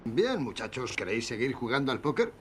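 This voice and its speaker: A brash, quick reporter. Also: male voice, medium pitch, big pitch swings, fairly bright tone, a little hiss or hum. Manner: mocking and bossy. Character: brash, rough male newspaper reporter. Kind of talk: 1930s film dub.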